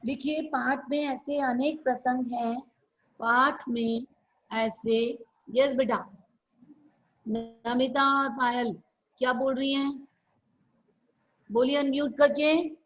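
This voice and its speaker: Slow-dictating woman teacher, high voice. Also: fairly even intonation, poor audio. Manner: slow, repeats phrases for dictation. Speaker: school teacher. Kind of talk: dictating answers in an online class. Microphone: video call.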